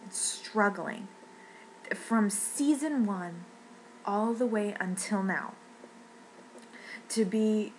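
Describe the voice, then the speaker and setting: A woman's voice: medium pitch, a little hiss or hum, poor audio. A woman ranting in an upset, rambling way, near tears and often restarting her sentences. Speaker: fan vlogger. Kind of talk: emotional rant.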